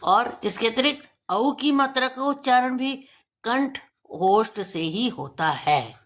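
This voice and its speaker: A woman teacher giving a pronunciation lesson for children, stretching out example words slowly and deliberately. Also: a little high, animated, fairly bright tone. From India.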